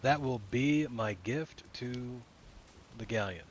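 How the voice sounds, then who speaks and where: A man's voice: medium pitch, slow. A man chatting in character as a ship officer in a game roleplay, loose and profane. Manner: loose, swears, trails off. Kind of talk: casual in-character game chat.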